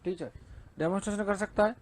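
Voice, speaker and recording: A man's voice: sits high, fairly even intonation, quick pace. A male teacher giving an exam-prep lecture, asking and answering his own questions and reading English lines in a Hindi accent.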